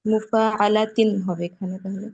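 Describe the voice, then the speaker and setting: A woman student giving slow, tentative answers in an online class. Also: medium pitch, level tone, gravelly, darkish tone, no room sound, highs cut off.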